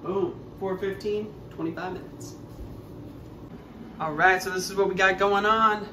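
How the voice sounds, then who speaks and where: A man's voice: sits high, fairly even intonation, a little slow, background noise. Chatty upbeat young man vlogging at home. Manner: upbeat, chatty, talks straight to viewers. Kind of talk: casual chat to camera. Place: home, indoors, living room and kitchen.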